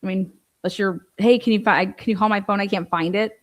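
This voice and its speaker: A woman offers informal true-crime commentary, reading from a transcript and cutting in with pointed, skeptical asides and rhetorical questions. Her medium-pitched voice holds a steady tone and runs a little fast.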